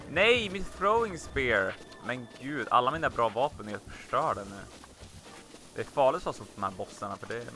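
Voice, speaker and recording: A man casually commenting on his own gameplay, chatty and excitable, talking to himself as he plays. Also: lowish voice, background noise. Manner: chatty, excitable, talks to himself while playing. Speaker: let's play host. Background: video game music.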